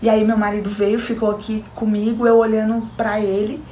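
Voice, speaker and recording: A woman's voice: mid-range voice, level tone, brisk, mellow, roomy sound, slight background noise. A young Brazilian woman with a Brazilian Portuguese accent, telling her personal story to her viewers in an earnest, emotional way. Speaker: new mother giving a testimony. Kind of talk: personal testimony.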